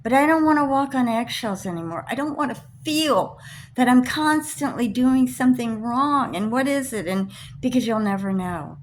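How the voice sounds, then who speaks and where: A woman's voice: on the high side, lively intonation, moderate pace, slight background noise, poor audio. A woman, older, ranting to camera in an indignant, emphatic way about being let down. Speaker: vlogger. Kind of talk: personal rant to camera.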